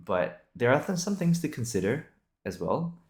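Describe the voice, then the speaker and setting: A young man from Singapore and Australia hosts a video podcast, chatting solo in a casual, unscripted way. His mid-range voice is a little mellow, swings widely in pitch, and moves at a moderate pace as he thinks aloud, rambling and hesitant.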